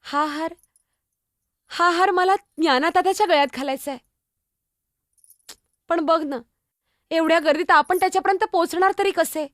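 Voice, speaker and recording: A woman playing a lively, teasing young girl, Muktai, in a chatty, innocent solo stage monologue. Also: very high voice, moderate pace, pauses often, dry recording, studio quality.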